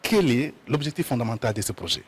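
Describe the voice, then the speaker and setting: A male television host leads a studio interview in a friendly, conversational manner. He often restarts and repeats words as he searches for phrasing. His voice sits at an ordinary middle pitch. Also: animated, fast talker, breathy edge.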